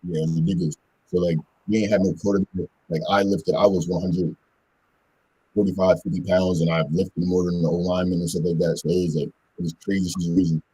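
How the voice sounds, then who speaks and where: In a casual interview, a young football player from Pennsylvania recounts his football and track years in a rambling, slang-heavy way, saying "like" constantly. His voice is extremely deep, husky, and warm, with little pitch movement and a brisk pace, and the recording quality is low.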